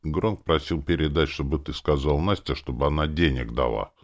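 A man's voice: very deep voice, moderate pace. A man voicing an eager, earnest young boy in an audiobook, talking in a chatty way. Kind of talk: audiobook character voice.

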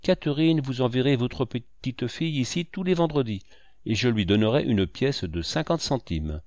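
A man's voice: mid-range voice, expressive, normal speed, no room sound, clean studio sound, close to an everyday voice. A man voicing a gracious, generous wealthy lady in a storybook reading. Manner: gentle, gracious.

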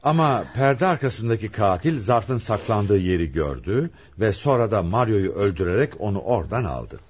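An actor playing a police commissioner in a radio drama, calm and authoritative. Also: male voice, lowish voice, moderate pace, a little hiss or hum. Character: shrewd middle-aged male police commissioner. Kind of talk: 1960s Turkish radio drama acting. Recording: dull lo-fi archive radio recording.

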